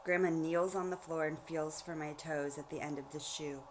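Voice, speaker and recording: Woman reading aloud, clear background noise. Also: deep voice, steady tone, moderate pace, rough recording. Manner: explanatory, addresses children directly. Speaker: teacher reading aloud to children. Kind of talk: storybook read-aloud with asides to young listeners.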